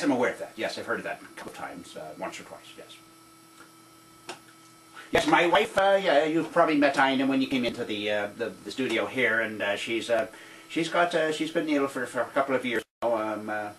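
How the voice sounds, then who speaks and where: A man playing an awkward, rambling veteran newspaper cartoonist, halting and correcting himself in a mock newsreel interview. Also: mid-range voice, a bit bright, natural voice. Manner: halting, doddering, self-correcting. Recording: distant, faintly noisy interview recording.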